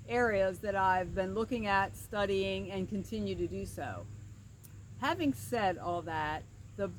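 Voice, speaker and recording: A woman's voice: mid-range voice, poor audio. A middle-aged woman giving a casual, earnest personal vlog, her speech slightly slurred as if one side of her mouth were numb. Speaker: vlogger and pastoral counselor. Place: outdoors by a creek. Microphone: camera at a short distance. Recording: outdoor creekside with clear insect and ambient noise. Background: insects and woodland ambience.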